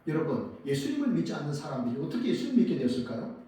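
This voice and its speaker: A man preaching in a church, his voice rather high and mellow. He asks the congregation questions and answers them himself, rising and falling in volume. The sound is heavily echoey and a little distant from the mic. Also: wildly swooping pitch, rapid-fire. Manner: dramatic rises and drops in loudness. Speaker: pastor. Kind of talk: sermon. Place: church sanctuary.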